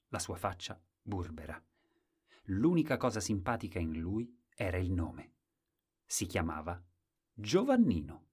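A man reading a fairy tale aloud in a dramatic, playful way. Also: on the low side. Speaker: storyteller. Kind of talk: expressive story reading.

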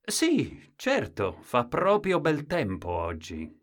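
A man's voice: fairly high pitch, huge pitch swings, slow pace, pitched above the performer's own voice, heavily acted. A man reading a children's story, voicing a stubborn man who wants to know nothing, with a raised, insistent delivery. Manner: insistent, raising his voice.

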